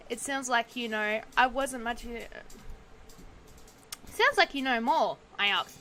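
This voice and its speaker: Bright-voiced woman streamer reading a game. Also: a little high, expressive, measured pace, faint music behind. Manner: breaks off narration for sudden exclamations and swearing. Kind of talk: reading game text aloud with casual reactions.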